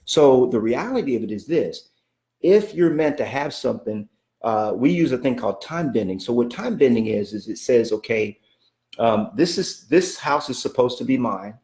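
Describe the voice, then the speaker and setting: A man's voice: mid-range voice, lively intonation, normal speed, darkish tone, echoey room. A man giving a motivational coaching talk, emphatic and repetitive, often checking in with "okay?" and speaking of God in a preacherly way. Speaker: real estate coach.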